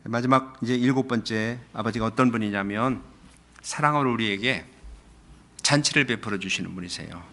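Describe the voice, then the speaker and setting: A middle-aged man preaching a Sunday sermon as pastor, putting questions to the congregation and repeating phrases, moving between soft low lines and sudden high, loud stresses. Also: moderate pace, creaky.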